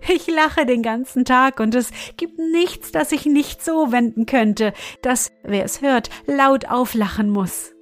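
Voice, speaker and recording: A woman's voice: on the high side, measured pace, few pauses, faint music behind, lightly acted. A woman voicing a proud young princess who laughs and boasts, with a touch of mockery, in a storybook reading. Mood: merry. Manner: bright, merry, a little mocking.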